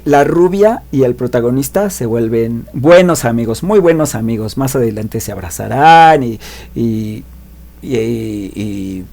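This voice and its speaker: A man casually retelling a classic story as a literature video host, animated and chatty, tossing in tag questions. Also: mid-range voice.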